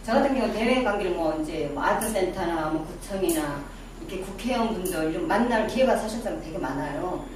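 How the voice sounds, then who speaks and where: A middle-aged woman with a Daegu accent lectures on image-making, chatting freely, quizzing the class and making self-deprecating remarks. Her voice is on the low side, with lively intonation and a slightly fast pace. She's caught from a distance in a very echoey room with a small audience and background noise.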